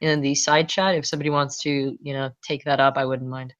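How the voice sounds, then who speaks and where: A woman's voice: extremely low pitch, steady tone, brisk. A woman from New York, the channel host, chatting bluntly and casually on a video call through her laptop mic, swearing freely. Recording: dull lo-fi laptop audio.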